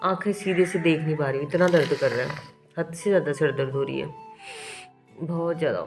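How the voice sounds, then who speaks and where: Chatty Indian mom vlogging at home. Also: female voice, low-pitched, a little fast, darkish tone, faint music behind. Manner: chatty, fondly scolding her crying child. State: has a bad headache. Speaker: vlogger, mother. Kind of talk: casual home vlog chat. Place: home, indoors.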